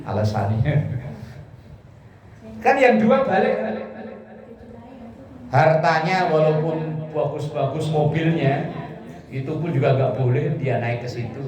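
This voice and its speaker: An Islamic preacher gives an informal sermon on Quran verses, unpacking them phrase by phrase in a chatty, joking way. His fairly high, expressive voice has a darkish tone, and he speaks slowly with frequent pauses. The distant mic picks up an echoey hall and a murmuring, listening congregation.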